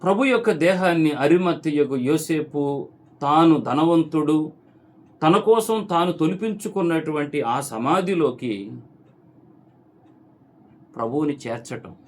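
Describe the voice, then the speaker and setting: A man's voice: on the high side, measured pace, long pauses. A priest giving a sermon, preaching emphatically, calling out to his congregation and asking rhetorical questions. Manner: tells a parable to make his point.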